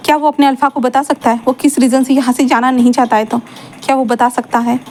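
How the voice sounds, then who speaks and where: A woman's voice: high-pitched, flat delivery, quick pace, darkish tone, a little hiss or hum. A woman telling a fan-fiction story in a casual, chatty way, full of fillers and English words mixed in.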